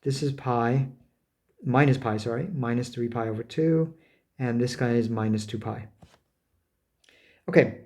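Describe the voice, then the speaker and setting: A man giving a math lecture, talking as he draws, with many fillers, self-corrections and quick "right?" checks. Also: medium pitch, dark tone. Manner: talks while drawing, frequent fillers and self-corrections; rhetorical "right?" checks with students. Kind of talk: recorded lecture at a board.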